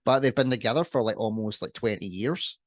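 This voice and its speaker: A man's voice: lowish voice, fairly quick, no echo. A young man co-hosting a casual podcast chat, joking and rambling with frequent laughs. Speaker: podcast co-host.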